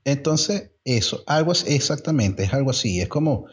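A Venezuelan man co-hosting a podcast, playful and animated in casual chat. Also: medium pitch, moderate pace, breathy edge, dull audio. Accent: Venezuelan Spanish. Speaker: podcast co-host.

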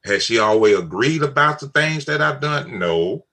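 Gravelly, raspy older man, emphatic. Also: medium pitch, expressive, moderate pace, pushed and bright. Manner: emphatic, repeats key phrases. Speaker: father on a family talk show. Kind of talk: casual family chat.

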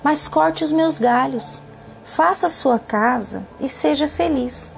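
A woman reading aloud puts on a loving storybook tree, her voice soft and pleading and a little gravelly. She sounds tender and self-giving. Faint music drifts behind her. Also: high-pitched, slow, pitched above the performer's own voice, heavily acted. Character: gentle, giving female tree who loves a boy.

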